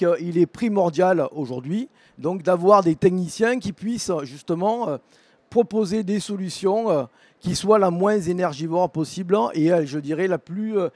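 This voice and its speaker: A man's voice: high-pitched, moderate pace, no room sound. A middle-aged man with a southern French accent giving a conference talk about a vocational program, hesitant and full of filler words and restarts. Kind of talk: conference talk at an education fair.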